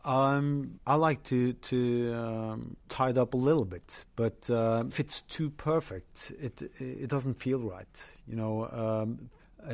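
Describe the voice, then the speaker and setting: A male author answering interview questions in a hesitant way, with many pauses and restarts. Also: mid-range voice, creaky, a little mellow. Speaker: author, guest.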